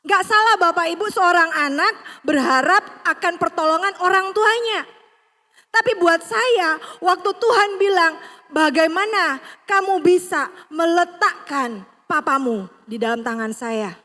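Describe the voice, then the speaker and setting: High-voiced woman preaching in a reverberant hall. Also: unhurried. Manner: addresses congregation often, swings between loud emphasis and soft hushed passages. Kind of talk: sermon with personal testimony. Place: church service hall. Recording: long church hall reverb.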